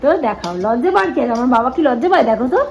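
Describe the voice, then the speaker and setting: A woman's voice: fairly high pitch, very animated, racing, creaky, dull audio. A woman, a mother, chatting casually in a home vlog and coaxing her small son. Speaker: vlogger, mother. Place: home indoors. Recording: noisy home ambience.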